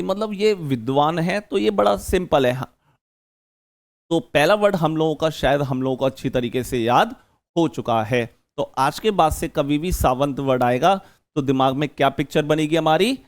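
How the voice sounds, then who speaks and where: A man teaching an exam-prep vocabulary lesson, chatty and joking, repeating key words as memory tricks. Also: on the high side.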